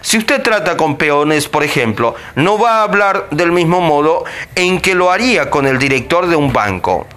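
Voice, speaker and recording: A man's voice: a little high, animated, moderate pace, few pauses, fairly bright tone. A man reading a self-help text aloud, now and then tripping over a word and saying sorry before starting the line again. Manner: stumbles over words and says sorry.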